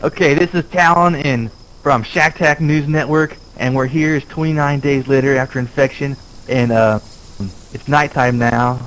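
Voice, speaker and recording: A man's voice: medium pitch, steady tone, normal speed, a bit bright, slight background noise, lightly acted, low-quality recording. A man acting a jittery TV reporter covering a zombie outbreak in an improvised video game role-play. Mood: uneasy reporting.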